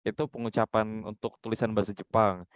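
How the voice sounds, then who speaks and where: Giving pointed feedback to journalism students, this man demonstrates intonation for them as part of a coaching critique. He has a lowish, smooth voice that moves little in pitch, delivered at a quick pace. It was recorded dry.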